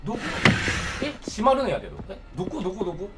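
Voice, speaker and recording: Excitable young man with a lilt. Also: sits high, quick pace, over loud music. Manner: excitable, jokey, reacting out loud. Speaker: game streamer. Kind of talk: let's play commentary.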